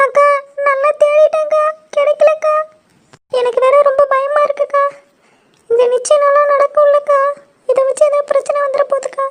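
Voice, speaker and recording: A woman's voice: very high-pitched, level tone, moderate pace, long pauses, pitched above the performer's own voice. A woman voicing several chattering village women and a worried young bride in a cartoon. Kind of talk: cartoon voice acting.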